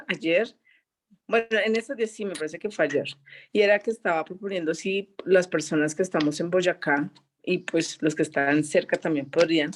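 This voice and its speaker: A meeting participant casually proposing a group outing, chatty and a little scattered. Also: mid-range voice. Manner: chatty, slightly scattered, checks details aloud. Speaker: group participant announcing an invitation. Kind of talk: casual announcement.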